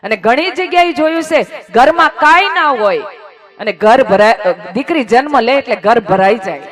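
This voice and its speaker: A man's voice: very high-pitched, lively intonation, normal speed. Emotional man telling a devotional story. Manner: emotional, swells loud then drops to near whisper; rhythmic, repeating phrases in lists. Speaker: katha storyteller.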